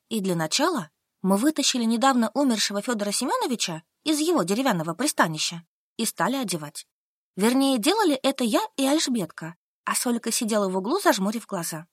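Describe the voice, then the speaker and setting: Lively woman reading an audiobook. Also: fairly high pitch, dry recording, clean studio sound. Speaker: narrator. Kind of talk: audiobook narration.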